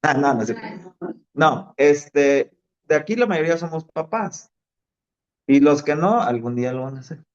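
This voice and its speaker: A man's voice: fairly high pitch, lively intonation, normal speed, long pauses, lo-fi sound. A man preaching a sermon, telling stories in a conversational way and dropping fillers. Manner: conversational storytelling with fillers like "este".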